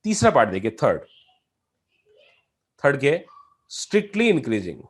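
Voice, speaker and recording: Lively male math teacher quizzing students. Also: mid-range voice, normal speed, husky. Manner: explains step by step, asking students questions; mixes in English math terms. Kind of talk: classroom lecture on calculus.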